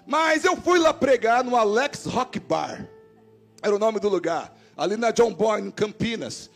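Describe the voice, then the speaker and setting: High-voiced Brazilian pastor preaching. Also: male voice, a little slow, creaky, faint music behind. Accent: Brazilian Portuguese. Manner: animated preacher voicing quoted dialogue. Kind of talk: sermon with storytelling. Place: church service.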